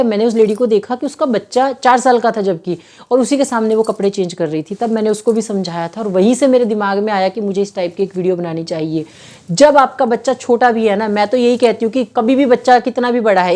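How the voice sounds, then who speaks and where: A woman's voice: fairly high pitch, warm tone. A woman giving parenting advice in a casual, earnest talk, often checking in with the listener and acting out quoted mothers.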